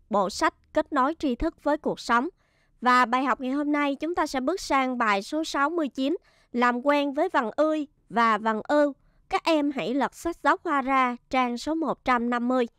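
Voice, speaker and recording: A woman teacher giving a first-grade reading lesson, spelling out syllables slowly and clearly. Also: high voice, a bit bright, dry recording, studio quality. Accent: Vietnamese.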